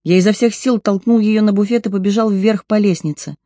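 Brief: measured first-person audiobook narrator, mellow tone, dry close sound. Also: medium pitch, steady tone, dry recording.

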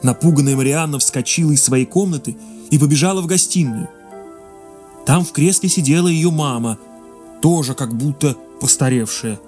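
A narrator reading a fairy tale in a measured, expressive way. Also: medium pitch, faint music behind. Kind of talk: storybook narration.

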